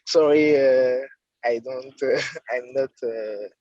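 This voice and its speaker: A man's voice: mid-range voice, slow pace, dark tone, no echo, lo-fi sound. A man, introducing himself hesitantly with many fillers. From Guadeloupe. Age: 20s. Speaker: young filmmaker. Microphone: video call microphone while on the road.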